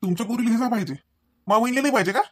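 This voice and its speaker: Racing along in a very high voice, a man voices a proud village husband in an amateur comedy cartoon, angrily scolding in a Varhadi Marathi accent. He sounds stern and defiant, firing off one rhetorical question after another. The audio is studio quality with no echo.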